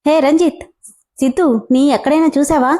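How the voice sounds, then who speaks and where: A breezy college girl, read by a woman narrator, quick to brush people off. Her voice is high and soft-toned. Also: steady tone, close to an everyday voice. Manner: breezy, dismissive.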